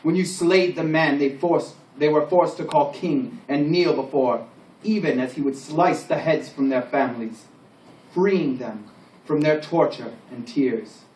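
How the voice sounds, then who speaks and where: A man's voice: on the high side, a little slow, darkish tone, lightly acted. A man playing a solemn, proud medieval king, giving a formal, declamatory ceremonial speech. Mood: solemn praise. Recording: roomy, distant microphone, faint background noise.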